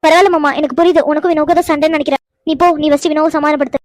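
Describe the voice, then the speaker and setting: A woman puts on a gentle, lovestruck young cartoon woman who speaks softly and musingly. The voice sits well below the performer's usual squeak but still moves at a fast clip. The sound is dry and close. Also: fairly even intonation, no room sound, lightly acted. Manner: soft, musing, affectionate. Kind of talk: cartoon voice acting.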